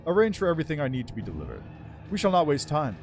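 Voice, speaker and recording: A man's voice: on the high side, wildly swooping pitch, very fast, faint music behind. A man voicing an ancient undead lich from a game, with a dry voice and a pompous, scornful, formal manner. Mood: imperious. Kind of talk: voiced reading of game dialogue.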